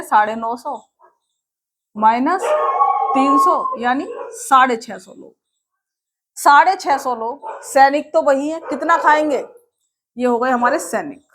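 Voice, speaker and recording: A young woman teaching a maths lesson, explaining each step patiently and asking the class questions she then answers herself. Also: sits high. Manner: explains step by step, checks with students, asks and answers her own questions.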